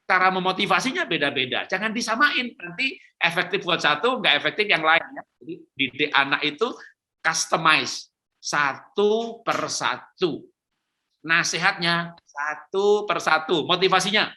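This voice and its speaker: A middle-aged man speaks as a pastor in a relaxed question-and-answer talk. His voice is very bright and sits a little high. He tells stories with energy and acts out the quoted lines. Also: moderate pace. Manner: lively storytelling, acts out quotes, chuckles.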